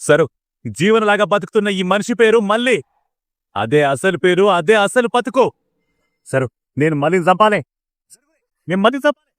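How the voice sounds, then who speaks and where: A man's voice: high-pitched, big pitch swings, normal speed, long pauses, dry recording, studio quality. A man voicing a grieving, hot-tempered village father with a Telangana accent, blunt and angry. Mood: vengeful. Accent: Telangana Telugu.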